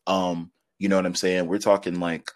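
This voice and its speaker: A man in his thirties, a podcast guest, telling stories in quick, laughing, filler-heavy casual talk. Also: low-pitched, flat delivery, no room sound, studio quality. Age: 30s. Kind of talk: casual interview storytelling.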